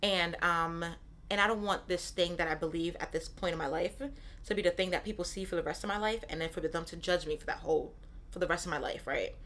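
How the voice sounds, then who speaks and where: A candid woman podcaster with a low voice talks at a quick pace, her tone a bit bright. Nigerian-born and Brooklyn-raised, she hosts a casual solo show where she repeats phrases and often adds "right?".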